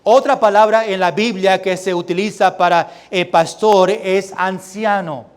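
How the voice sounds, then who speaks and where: A young man with a Puerto Rican Spanish accent preaching a sermon as pastor, reading scripture slowly and loudly and dropping to quieter asides. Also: high-pitched, fairly even intonation, clean tone. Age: young adult. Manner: reads scripture slowly and loudly, then drops to soft asides.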